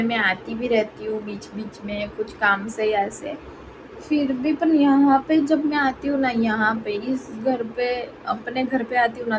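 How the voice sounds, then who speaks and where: A woman's voice: a little high, background noise. A woman vlogger chatting casually at home, cooing baby talk to her pet dog in between. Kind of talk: casual vlog chat.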